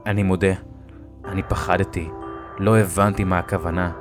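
A man telling a first-person horror story in a measured way, with dramatic pauses. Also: deep voice, level tone, over music.

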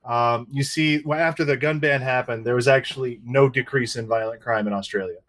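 A man on a casual panel, explaining at length in a steady way and often tagging his points with "right?". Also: medium pitch, fairly quick. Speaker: panel co-host.

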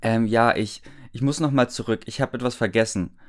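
A man's voice: mid-range voice, fairly quick. A man reading a story aloud for comedy, amused, often laughing and breaking off to mock the text. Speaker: reader and commentator.

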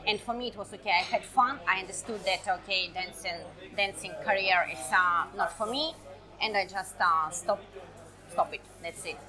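A woman in her forties from Siberia with a Russian accent, a guest telling her story in halting non-native English with many fillers. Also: mid-range voice, over music. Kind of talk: casual chat.

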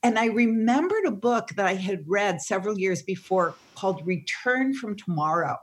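A middle-aged woman, a seminar teacher, telling a personal story in conversation, animated and emotional. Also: mid-range voice, normal speed.

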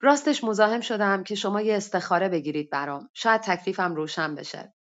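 Anxious widowed mother in her thirties, confiding and hesitant, as a woman reader puts her on; medium pitch, dull online audio. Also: close to an everyday voice. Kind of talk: story reading.

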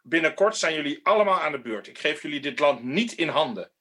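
A man's voice: a little high, lively intonation, brisk, pushed and bright. A man playing a menacing autocratic president. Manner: contemptuous, threatening. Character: aging male autocratic president, defiant and menacing.

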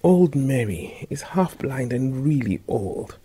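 A man voicing a defensive young woman nurse in an audiobook, raising his voice higher. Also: sing-song, slow pace, warm tone, husky, exaggerated voice. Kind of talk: audiobook dialogue.

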